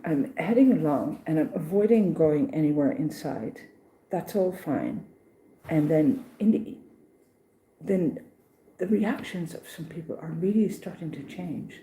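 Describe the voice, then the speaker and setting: A woman recounting her pilgrimage day in a casual, animated vlog, with many restarts and acted-out voices. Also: low-pitched, roomy sound, low-quality recording. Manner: animated, acts out others' voices, restarts often. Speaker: pilgrim vlogger.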